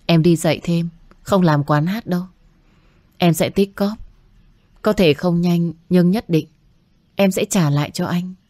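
A woman voicing a humble young medical student who speaks politely and pleads softly, recorded dry. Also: fairly low pitch, measured pace, long pauses, no echo, natural voice. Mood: earnest.

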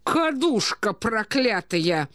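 A woman's voice: on the high side, very animated, takes it slowly, no echo, clean studio sound, heavily acted. Woman playing a furious scornful matron. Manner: scornful, shouting insults.

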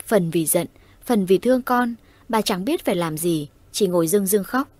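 A woman narrating a ghost story in a steady storytelling voice. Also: medium pitch, normal speed, no echo. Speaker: audiobook narrator.

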